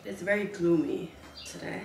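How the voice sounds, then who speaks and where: A woman's voice: fairly low pitch, moderate pace, vocal fry, echoey room, slight background noise. A woman in her thirties from Nepal, chatting casually to camera in a vlog while getting ready in her apartment. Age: 30s. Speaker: vlogger. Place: apartment at home.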